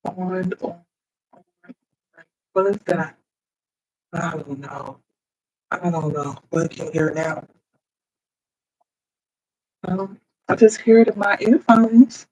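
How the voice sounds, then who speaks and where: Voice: mid-range voice, slow pace, pauses often, a little mellow, low-quality recording. A livestreamer chatting casually with viewers, thinking aloud while fiddling with computer audio settings and talking into a computer microphone. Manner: chatty, talks straight to viewers. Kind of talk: casual live stream chat. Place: at a computer, indoors. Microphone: computer microphone, wearing headphones.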